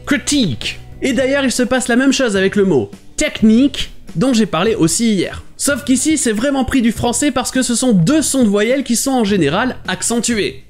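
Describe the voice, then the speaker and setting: A man from France teaching a daily language lesson, his voice pitched notably high. He explains step by step in a clear, methodical way, leaning on words he wants to stress, with faint music underneath. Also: lively intonation, normal speed. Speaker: English teacher and host. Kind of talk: scripted video lesson.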